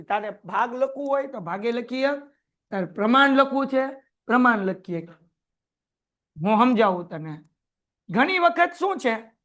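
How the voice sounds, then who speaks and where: Lively male teacher. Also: high voice. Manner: lively, quizzes students and jokes. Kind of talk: classroom lecture. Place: classroom with students.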